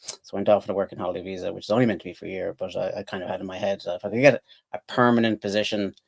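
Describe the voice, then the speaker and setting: Racing through his career story, a podcast guest, an Irish engineer in his forties, speaks casually with frequent fillers and restarts. His voice is low, creaky and steady in tone, and a little hiss or hum runs under the recording.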